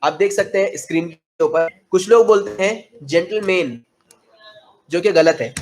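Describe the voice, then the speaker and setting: A man in his twenties with an Indian accent teaching an online spoken English class. He switches between Hindi explanations and slow, carefully spaced English model sentences. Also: high-pitched, darkish tone, a little hiss or hum. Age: 20s.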